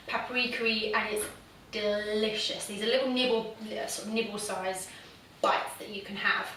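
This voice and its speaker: Woman, cooking host, chatty, very bright voice, echoey kitchen heard from off-mic. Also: a little high, recorded from a distance, slight background noise. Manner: chatty, self-deprecating, with many fillers. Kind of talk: casual cooking demonstration. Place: home kitchen.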